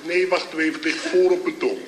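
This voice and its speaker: Guy doing a hungover dude on the phone, mumbly and chuckling, old echoey tape with loud hiss. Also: fairly high pitch, a little fast, lightly acted. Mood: groggy. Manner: fumbling, rambling, chuckling. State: hungover, groggy. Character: hungover man phoning his drinking buddy. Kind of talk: comedy sketch on the phone.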